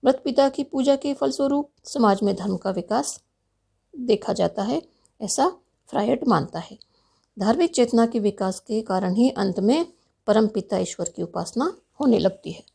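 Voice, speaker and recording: Gravelly-voiced woman lecturing. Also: on the high side, mellow. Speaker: philosophy lecturer. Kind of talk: recorded university lecture.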